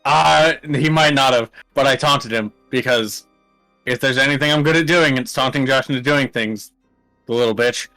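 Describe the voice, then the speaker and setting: A man's voice: medium pitch, normal speed, bright, forceful tone, faint music behind, rough recording. A man recapping a tabletop game as a player in casual banter, rambling and jokey with crude asides.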